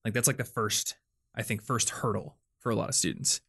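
A man's voice: fairly low pitch, fairly quick, creaky, sharp tone, husky. A young man hosting a podcast, talking casually and thinking aloud with lots of fillers and restarts. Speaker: podcast host. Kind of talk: casual chat.

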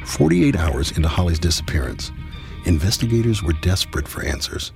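A very low-voiced man delivers scripted true-crime narration. His intonation moves around a good deal, with a gravelly creak at the bottom. Music plays behind him. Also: big pitch swings, a little fast.

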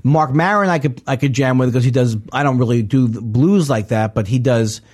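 A man's voice: mid-range voice, darkish tone. Male guest, casual talker, meanders, trips over his words. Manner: rambling, halting, many restarts. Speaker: comedian guest. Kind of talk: casual podcast conversation.

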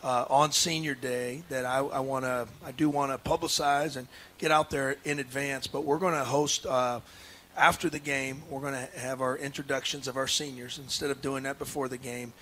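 A man's voice: mid-range voice, steady tone, moderate pace, a bit bright, a little hiss or hum. A man, a head basketball coach, talking earnestly in a casual radio interview, with many restarts and fillers. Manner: earnest, emotional.

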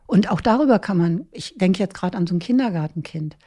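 A woman expert on child rearing explains her ideas in an interview. Her voice is mellow and warm, and she brings her points to life by acting out what parents might say. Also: on the low side, fast talker, husky. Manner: explains with lively examples, acting out parents' words. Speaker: education expert guest. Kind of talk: conversational interview.

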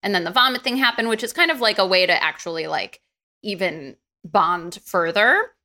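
A woman's voice: mid-range voice, moderate pace, pushed and bright. A woman co-hosting a podcast, chatting casually with wry, sarcastic quips. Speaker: podcast co-host. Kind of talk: casual chat.

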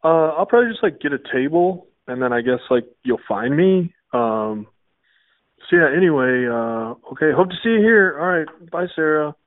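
A man's voice: on the high side, animated, normal speed, no room sound. A man, a podcast co-host, leaving a rambling, offhand phone voicemail full of fillers. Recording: tinny phone-line voicemail.

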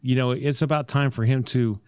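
A man's voice: medium pitch, steady tone, a little fast, a little mellow, smooth, no echo. Rambling man on a dry mic. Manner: rambling, searches for names, many restarts. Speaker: podcast co-host. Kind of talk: casual sports podcast chat.

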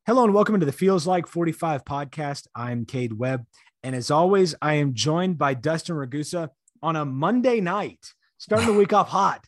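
A man's voice: on the high side, expressive, moderate pace, no room sound, studio quality. Male podcast host with his voice giving out. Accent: American. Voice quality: voice giving out, partly lost. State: losing his voice. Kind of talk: casual sports podcast chat.

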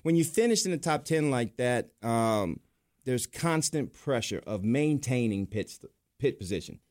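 A man hosts a radio program from a studio. He keeps things loose and chatty and laughs easily with his guests. His voice sits at an ordinary middle pitch. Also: lively intonation, measured pace, darkish tone. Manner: chatty, laughs often, Southern "y'all". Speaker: radio show host. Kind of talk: casual studio interview.

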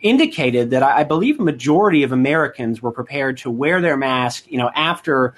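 A man's voice: medium pitch, expressive, fairly quick. A man discussing current affairs as a guest on a talk show, hesitant, with many fillers and restarts.

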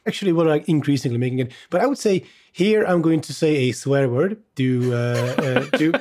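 A man from Hungary talking casually as a guest, animated and chatty, with many fillers and restarts. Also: on the high side, moderate pace. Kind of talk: casual conversation.

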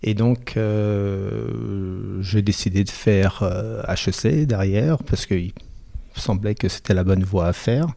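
Middle-aged man, low and very mellow, unhurried storyteller with a dry wit, recorded close and dry. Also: vocal fry, dry recording. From France. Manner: measured, dry-humored storyteller. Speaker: company CEO, podcast guest. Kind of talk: casual interview storytelling.

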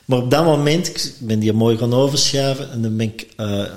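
A man from Antwerp, Belgium, with a Flemish accent, appears as a podcast guest, telling personal stories in lively conversation and acting out the voices he quotes. He speaks a little fast in a mid-range voice.

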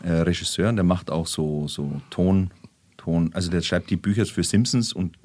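A man with a fairly low voice chats casually as a guest, his stories picking up in lively bursts. The sound is dry and close, with no room around it. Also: normal speed, no echo. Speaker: star chef guest. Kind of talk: casual podcast chat.

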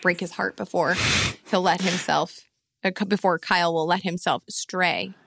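A woman co-hosts a sports podcast with a bright, forceful voice and a teasing, playful streak. She jokes and laughs easily. The sound is dry and close. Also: lowish voice, steady tone, moderate pace, gravelly, no echo. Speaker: podcast co-host. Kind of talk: casual chat.

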